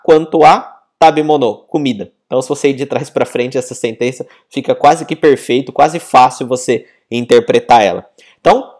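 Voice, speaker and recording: A man teaching a language lesson, patient and explanatory, repeating example phrases slowly. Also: fairly high pitch, darkish tone. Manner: mixes in read-out example phrases.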